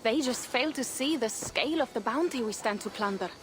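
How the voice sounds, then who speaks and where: A woman plays a bold and persuasive Norse warrior in a dramatic video game, delivering formal, old-fashioned declarations in an earnest, grave way. She speaks fairly quickly with lively intonation, in a fairly high voice that sounds close to her everyday one.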